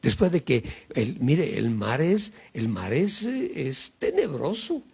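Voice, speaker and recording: Slow, gravelly-voiced man preaching. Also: medium pitch, huge pitch swings, darkish tone. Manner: slow, emphatic preaching with many pauses and fillers. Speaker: pastor. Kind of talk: sermon.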